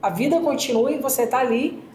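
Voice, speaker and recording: Her voice is high and a little fast, with slight background noise over a roomy recording that has music playing behind. Speaking with a Brazilian Portuguese accent, she chats casually, recounting a personal story animatedly with plenty of fillers.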